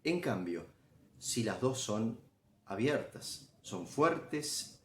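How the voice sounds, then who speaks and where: A man's voice: mid-range voice, very animated, extremely slow, fairly bright tone, slight background noise. A man explaining grammar as a teacher, patient and step by step, often checking in with the listener.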